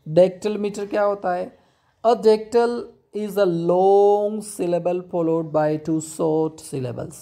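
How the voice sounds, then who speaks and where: Man, English teacher, classroom lecture, slow careful pace, warm low timbre. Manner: explains step by step, reads English definitions slowly.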